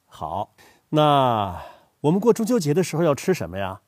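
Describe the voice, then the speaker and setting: A man's voice: on the high side, normal speed, no echo, clean studio sound. An older man from Hubei playing a grandfather, explaining dialects in a scripted educational dialogue and chuckling as he goes. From Hubei, China. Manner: animated storytelling, chuckles often.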